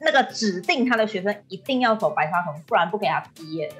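A woman with a Taiwanese accent hosting a talk show in a lively, casual style. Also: mid-range voice, fast talker, soft background music.

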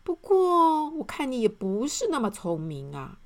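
A woman's voice: high-pitched, huge pitch swings, a little slow, voice pushed up, full character voice. A woman voicing a simple, forgetful man in a children's storybook, with a pleading manner. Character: simple forgetful man who forgot his name.

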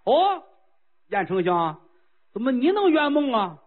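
A man's voice: big pitch swings, measured pace, exaggerated voice. A man playing an impatient, lovesick old-time king. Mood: eager, impatient. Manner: eager, whiny, high-pitched pleading. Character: impatient, girl-crazy ancient king. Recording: tinny lo-fi phone-like sound.

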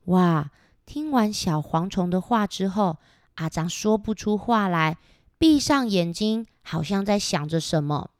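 A woman reading a picture book aloud to young children, animated and asking them questions. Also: medium pitch, unhurried, no room sound, studio quality. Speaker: storyteller.

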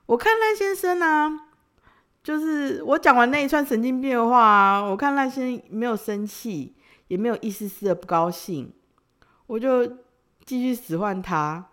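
A woman's voice: fairly high pitch, normal speed, fairly bright tone. A young woman, hosting a podcast and telling a personal story in a playful, teasing way with frequent giggles. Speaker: podcast host.

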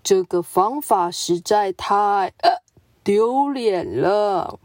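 A woman voicing a serious, proud male zebra who speaks slowly, his words broken by hiccups. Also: mid-range voice, expressive, a little mellow, no room sound, studio quality. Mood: stiff, hiccupping. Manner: slow, broken by hiccup sounds.

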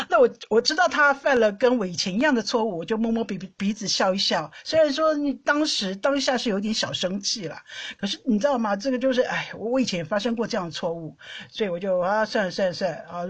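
Husky, lively-voiced woman telling stories. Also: fairly high pitch. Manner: animated, laughs often while telling stories; repeats words and restarts often. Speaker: podcast host. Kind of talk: casual storytelling monologue. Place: lives in the Netherlands.

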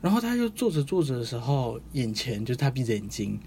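A man's voice: medium pitch, big pitch swings, brisk, darkish tone, a little hiss or hum. A man hosting a podcast, telling a story in a casual, rambling, chatty way. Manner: rambling, chatty, many fillers. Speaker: podcast host.

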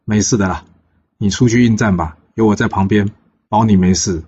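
A calm, self-assured young Taoist disciple, as a storyteller puts him on, speaking in a husky, low voice. He sounds easygoing and reassuring. The recording is dull and lo-fi. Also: moderate pace.

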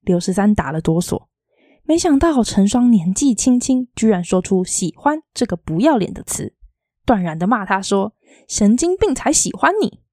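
A woman reading a novel aloud in a soft, quietly lilting storytelling voice. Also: mid-range voice, lively intonation, moderate pace, no echo, clean studio sound. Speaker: audiobook reader.

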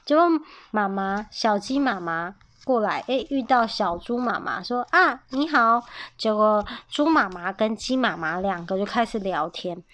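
A woman reads a picture book aloud to her young daughter, lively and playful, often stopping to ask her questions. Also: mid-range voice, normal speed, hardly any pauses. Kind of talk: animated picture-book reading to a child.

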